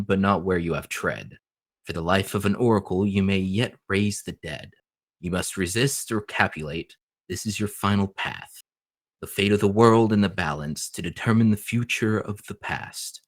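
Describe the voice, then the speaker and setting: A man plays an otherworldly angel oracle in a tabletop game. The voice is very low and close and dry, intoning verse in a solemn, measured, incantatory way. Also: a bit bright, no room sound. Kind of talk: tabletop game role-play.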